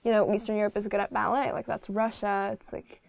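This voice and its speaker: A woman's voice: medium pitch, level tone, brisk, creaky, a little mellow, dry recording. A Slovak woman in her twenties, a singer chatting as a guest in an interview, blunt and talkative with lots of fillers. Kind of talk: casual interview chat.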